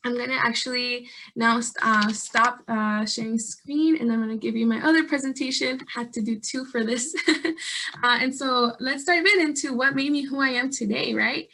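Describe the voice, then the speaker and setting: Young woman from Guatemala, slightly high, bright voice, earnest presenter on a video call. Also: moderate pace, slight background noise. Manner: earnest, animated, many fillers and restarts. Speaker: statewide organizer and guest speaker.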